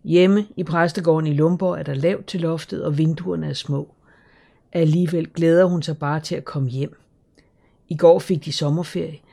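A woman calmly narrating a children's story in a measured, scripted reading. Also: deep voice, creaky. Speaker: audiobook narrator.

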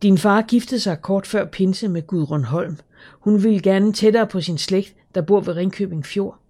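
A woman reading the lines of a gentle middle-aged aunt who soothes a child while breaking hard news. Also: medium pitch, natural voice. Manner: soft, soothing, slightly shaky.

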